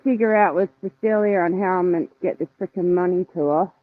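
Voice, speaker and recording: A woman's voice: on the low side, steady tone, quick pace, dry recording. A woman calling in through earbuds with a tinny sound, coming down with a cold, talking in a blunt, dry, weary way. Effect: tinny earbud mic over a call. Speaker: remote caller on a livestream. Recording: tinny, dry, phone-like call audio.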